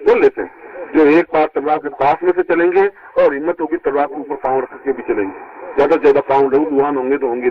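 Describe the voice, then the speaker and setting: A man giving a spiritual discourse to his disciples, heard from an old, worn tape, emphatic and leaping high when he stresses a point. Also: muffled recording. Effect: old worn tape recording. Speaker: spiritual teacher.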